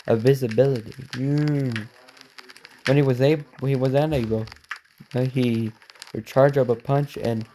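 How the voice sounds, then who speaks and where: Male reaction host; reads a story aloud haltingly, self-corrects, drops quick asides; mellow tone. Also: medium pitch, a little hiss or hum.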